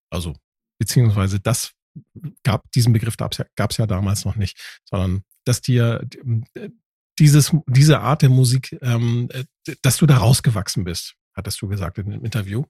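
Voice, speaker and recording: A man's voice: mid-range voice, mellow, breathy edge, no echo. Man, host, interviewer, chatty, rambling questions, dry close sound. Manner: chatty, asks long winding questions. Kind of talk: casual interview talk.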